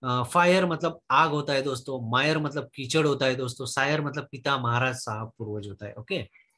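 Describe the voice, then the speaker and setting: Husky-voiced man teaching English in Hindi. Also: mid-range voice, sharp tone. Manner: repeats "friends" and "okay" constantly, drills word lists slowly. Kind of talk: casual spoken English lesson in Hindi.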